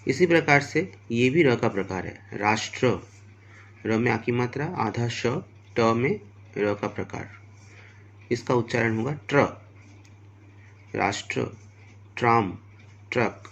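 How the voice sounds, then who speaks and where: Male primary school teacher, slow deliberate delivery, patient and methodical. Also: mid-range voice, creaky, fairly bright tone, muffled recording. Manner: spells out letters and examples patiently, addressing children. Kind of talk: slow, deliberate classroom lesson.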